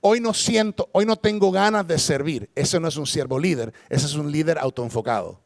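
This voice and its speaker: A man's voice: normal speed, gravelly, no room sound. Man, pastor, sermon, emphatic, rhetorical questions, dry sound. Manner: emphatic, dramatic swings in pitch and loudness, rhetorical questions.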